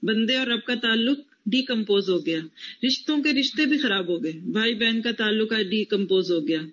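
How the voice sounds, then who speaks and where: A woman's voice: on the high side, a bit bright. Casting note: female Quran teacher, explains, quizzes students on word roots, praises answers, dull lo-fi classroom recording.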